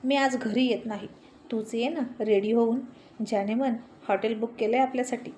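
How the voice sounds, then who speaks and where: A woman's voice: a little high, steady tone, normal speed, warm tone, lightly acted. A woman reading a story voices a powerful husband and father who talks in a sly, playful way, with faint noise behind.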